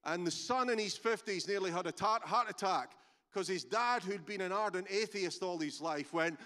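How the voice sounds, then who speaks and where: High-voiced Scottish pastor in a reverberant hall. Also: male voice, normal speed, pushed and bright. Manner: emphatic, conversational preaching. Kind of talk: sermon with storytelling and prayer. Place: church service.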